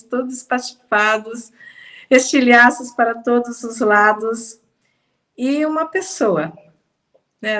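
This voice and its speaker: A Brazilian woman with a slightly high voice tells a personal testimony slowly and emphatically, with pauses. She sounds a little stuffy, as if holding back sneezes. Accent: Brazilian Portuguese. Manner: slow, emphatic, with pauses and soft laughs. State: slightly congested, fighting sneezes. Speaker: testimony speaker. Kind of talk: personal testimony, conversational storytelling.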